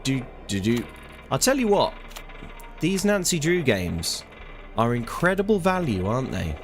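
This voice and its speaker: Music plays behind this let's-play streamer as he talks through a mystery game in a sing-song, mid-range voice at a measured pace. He keeps it casual, addressing his chat and poking fun at himself.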